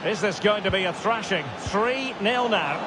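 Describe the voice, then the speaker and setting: A man calling a football match as play-by-play commentator, building to excited shouts when goals go in. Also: high-pitched, moderate pace, very noisy. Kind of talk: sports commentary.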